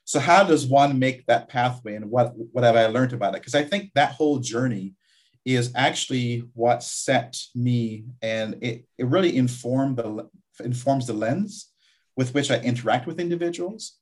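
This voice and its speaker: A man's voice: mid-range voice, normal speed. A man from Guyana, a community college vice president, talking reflectively in an interview with frequent restarts. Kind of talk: interview conversation.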